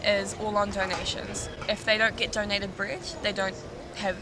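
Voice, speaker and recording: A young New Zealand woman talks to camera as a volunteer, earnest and chatty. Her voice sits at a middling pitch. Loud noise runs under her speech. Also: little pitch movement, normal speed. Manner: earnest, chatty, uses "like" often. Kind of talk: casual talk to camera.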